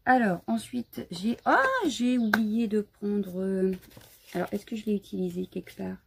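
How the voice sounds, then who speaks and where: A woman's voice: medium pitch, steady tone, unhurried, gravelly, background noise. A woman hosting a casual live crafting stream from home, chatty and a bit scattered, greeting viewers as she shows her supplies. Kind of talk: casual live unboxing chat.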